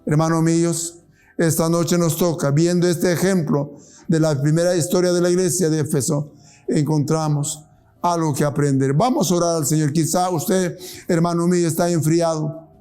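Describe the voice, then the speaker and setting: A man preaching a sermon and leading a closing prayer, earnest and pleading, slowing down to stress key phrases. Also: on the high side, fairly even intonation, warm tone, soft background music. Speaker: pastor.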